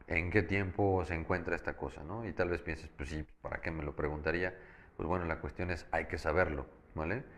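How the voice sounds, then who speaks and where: A man teaching a Spanish grammar lesson, patiently explaining and slowing down to spell out each verb form. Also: deep voice, a bit bright. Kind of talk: grammar lecture.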